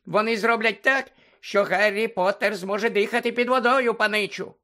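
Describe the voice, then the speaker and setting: A man voicing an excitable male house-elf servant, in a squeaky, high-pitched voice, eager and pleading, who talks about himself in the third person. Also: moderate pace. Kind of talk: audiobook character voice.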